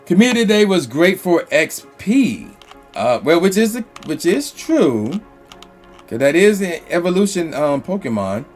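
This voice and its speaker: A man's voice: high-pitched, sing-song, unhurried, soft background music. A man hosting a casual livestream chat, reading viewer comments aloud and losing his voice a bit. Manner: reads viewer comments aloud, loose and chatty. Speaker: livestream host.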